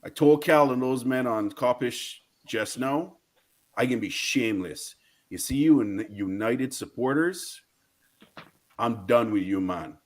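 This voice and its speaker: A football fan calling in as a guest, a man with a Barbadian accent and an ordinary male pitch, launches into an indignant rant about the sport. He talks unhurriedly but in slangy, emphatic bursts, repeating points to drive them home.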